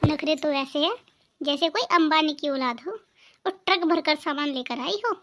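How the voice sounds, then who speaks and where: A woman's voice: high-pitched, normal speed, background noise, close to an everyday voice. A woman voicing a nagging, greedy mother-in-law in a cartoon family drama, talking sarcastically. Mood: scolding. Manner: scolding, sarcastic.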